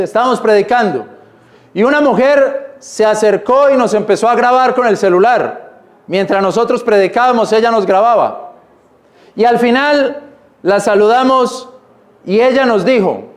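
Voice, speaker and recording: A man preaching a sermon in church, reading scripture slowly and explaining it in plain, repetitive words. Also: high-pitched. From Colombia. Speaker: pastor.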